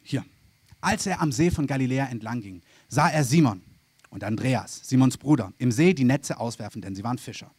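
A man's voice: mid-range voice, brisk, darkish tone, husky, no echo. A man preaching a sermon, moving between Bible reading and acted inner voices of everyday people.

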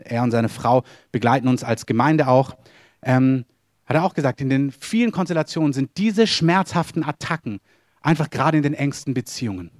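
Earnest German preacher, dry close sound. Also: male voice, moderate pace, no echo. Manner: earnest, addresses listeners directly with many questions; swings between soft lows and raised emphatic runs. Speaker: pastor. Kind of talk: sermon.

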